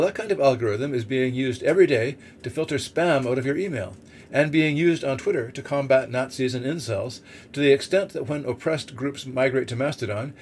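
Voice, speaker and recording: Male blogger-podcaster, mid-pitched, reading opinion essay aboard a boat, slight heater noise in background. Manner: explanatory, opinionated, with occasional rhetorical questions and asides. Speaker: blogger reading own articles as podcast host. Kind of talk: reading a written article aloud. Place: on a boat in a snowstorm. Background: background noise of boat heating.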